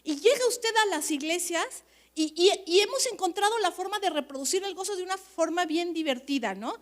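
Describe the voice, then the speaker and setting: A woman pastor, preaching at a leaders' conference in an animated, chatty way, often checking that the audience agrees. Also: very high-pitched, fairly quick.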